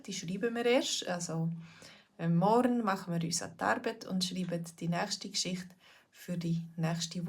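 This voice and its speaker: A middle-aged woman with a Swiss accent, a Swiss German teacher chatting casually to learners, repeating phrases slowly. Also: medium pitch, vocal fry. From Switzerland. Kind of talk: casual video lesson talk.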